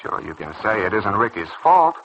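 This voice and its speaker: In a vintage radio soap, a man plays a stubborn, judgmental young doctor, sounding insistent, earnest and defensive. His fairly low voice is sing-song at a normal speed, on a dull, noisy old radio recording.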